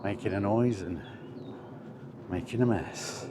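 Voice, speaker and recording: Speaking slowly in a lowish voice, a man vlogs solo as he walks outside along streets or paths. He rambles to himself in a relaxed, easygoing way, trailing off into asides, and environmental noise fills the recording.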